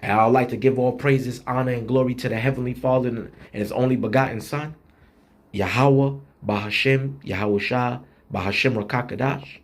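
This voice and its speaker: A man preaching an online sermon in a blunt, street-style manner, slowing down to read scripture with emphasis and using rhythmic repetition. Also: mid-range voice, steady tone. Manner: slows down and reads scripture with emphasis.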